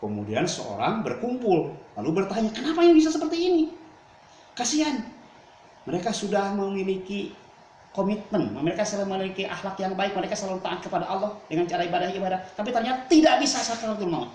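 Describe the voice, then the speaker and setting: A man preaching a storytelling sermon to a congregation in a dramatic, animated way. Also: high voice, fast, a little hiss or hum. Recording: echoey room, faint ambience.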